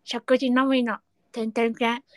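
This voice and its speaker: A woman voicing a bashful young man with missing back teeth, reading a fan letter slowly and carefully. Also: a little high, level tone, a little mellow, no room sound, lightly acted. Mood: earnest.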